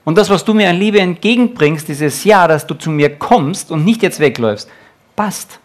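Earnest male preacher, emphatic sermon delivery that ends in a quiet prayer. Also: on the high side, lively intonation, normal speed. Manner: earnest, emphatic, quoting God and Jesus in direct speech.

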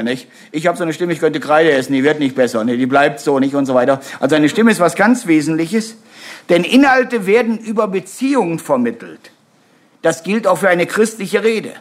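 A man with a high voice leads a live seminar on public speaking. He keeps things conversational with wry jokes at his own expense and checks in with the listeners through quick tag questions. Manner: wry, self-mocking asides.

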